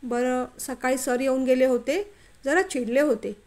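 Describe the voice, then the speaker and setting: A woman voicing a kind, calm young female office worker who speaks gently. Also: sits high, a little slow. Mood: calm concern.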